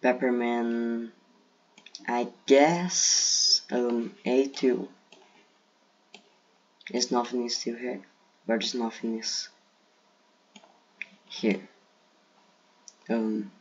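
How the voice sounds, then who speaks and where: A Brazilian gaming video creator, whose first language is Portuguese, casually ranks game characters in English with a Brazilian Portuguese accent. His medium-pitched voice stays fairly even, with drawn-out words, long pauses, and hesitant fillers as he thinks aloud through this tier list commentary. It's captured on a dull lo-fi mic.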